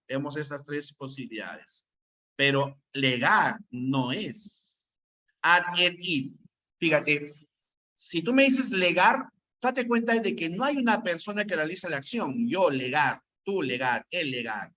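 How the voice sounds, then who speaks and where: A man teaches an online grammar class. His voice is bright and forceful and sits a little high, and he keeps quizzing his students with rhetorical questions. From Peru.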